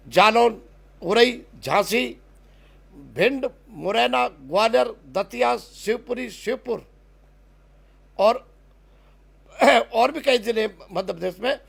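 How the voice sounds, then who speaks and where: A man's voice: high voice, vocal fry, a bit bright, husky. A man making an impassioned spoken argument, stressing words and restarting phrases. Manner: emphatic, repeats and restarts words, lists places.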